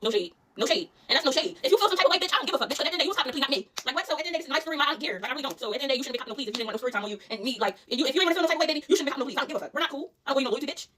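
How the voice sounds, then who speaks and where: A young woman with a Philadelphia accent, telling a storytime in a rapid, animated, profane slang-filled way. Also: high voice, a little hiss or hum. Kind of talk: casual storytime vlog.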